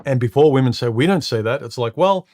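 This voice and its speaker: Animated yet darkish in tone, a man with a deep, slightly muffled voice hosts a home live stream and reads comments into a studio microphone. He's casual and halting, often repeating a word before landing his sentence, with plenty of "uh" and "um" fillers.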